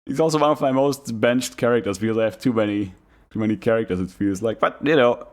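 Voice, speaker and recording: A man's voice: medium pitch, quick pace. A man giving casual, rambling reaction commentary as a streamer, musing aloud and trailing off in asides.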